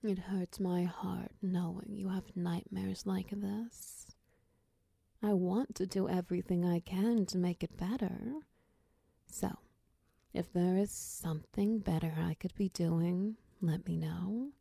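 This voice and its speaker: A woman playing a tender, protective partner in an ASMR role-play, speaking softly and soothingly right into the listener's ear. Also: fairly low pitch, fairly even intonation, no room sound, exaggerated voice. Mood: protective, reassuring. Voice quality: soft, breathy soft voice. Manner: intimate, close-up delivery right in the listener's ear; slow, soothing, reassuring. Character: tender, protective female partner soothing a nightmare-shaken lover. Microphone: very close, dry microphone.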